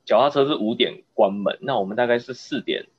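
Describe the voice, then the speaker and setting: Man, from Taiwan, podcast host, casual chat, storytelling, husky voice, dull lo-fi audio. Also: mid-range voice, brisk, no room sound. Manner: storytelling, animated when recounting anecdotes. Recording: dull lo-fi sound.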